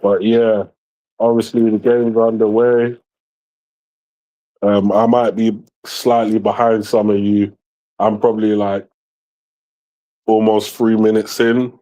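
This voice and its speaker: Slow, mellow-voiced man commentating a watchalong. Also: fairly low pitch, flat delivery, low-quality recording. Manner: slow, hesitant, many fillers; talks while eating. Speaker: watchalong streamer. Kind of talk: casual live match commentary.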